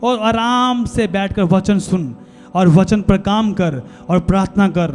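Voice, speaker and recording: A man with a Punjabi accent preaching a sermon in a church, dropping into quiet, acted-out quotes of troubled people between louder lines of teaching. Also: high-pitched, slow. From India. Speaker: pastor.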